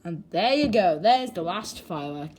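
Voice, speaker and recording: A young woman's fairly low, expressive, darkish voice comes through at a moderate pace over a little hiss or hum. She rambles and jokes as a vlogger filming fireworks at home on a handheld camera, with self-deprecating remarks and mild swearing.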